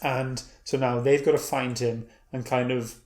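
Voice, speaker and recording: A man chatting his way through a comic book review, wandering from point to point and restarting his sentences as he goes. His voice sits at an ordinary middle pitch. The room around him is bare and echoey. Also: level tone, unhurried, a little mellow. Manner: meandering, self-correcting retelling. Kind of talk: casual read-and-review chat.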